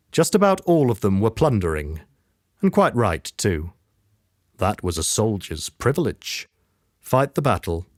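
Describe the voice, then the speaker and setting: Expressive male voice-reel narrator. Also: fairly low pitch, no echo, studio quality. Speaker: voice actor. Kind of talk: scripted narration and ad reads for a voice reel. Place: recording studio. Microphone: studio microphone.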